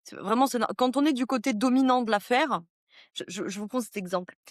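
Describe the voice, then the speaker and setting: A woman's voice: fairly high pitch, brisk, no echo, studio quality. A woman guest in a casual interview who talks in long, winding sentences and mixes academic terms with crude slang. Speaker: podcast guest.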